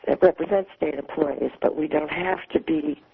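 Woman phone caller, choppy speakerphone line, gravelly and husky, halting delivery. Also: deep voice. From California. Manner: halting, rambling, restarts often. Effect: phone line breaking up, first on speakerphone. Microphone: phone, speakerphone then handset. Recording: tinny, dropping phone line.

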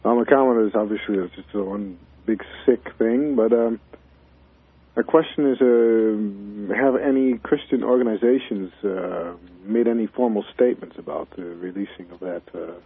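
Guy calling into a radio show, tinny phone sound, kinda husky, lots of uhs. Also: on the low side, moderate pace. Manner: hesitant, many ums and uhs. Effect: phone-line caller on a radio show. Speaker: caller. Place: calling from abroad. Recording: thin phone-like line.

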